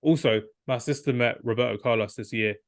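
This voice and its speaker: A man's voice: medium pitch, fairly quick, no room sound, studio quality. A young man co-hosting a football podcast, rambling enthusiastically and acting out quotes. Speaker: podcast co-host. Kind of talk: casual football debate.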